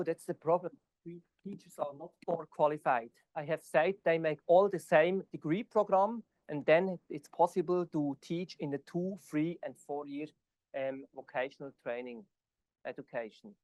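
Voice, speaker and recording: Here a Swiss conference speaker gives an academic presentation and fields questions, stumbling through non-native English with frequent fillers. The man's voice is a little high and darkish, with no echo in the hall recording.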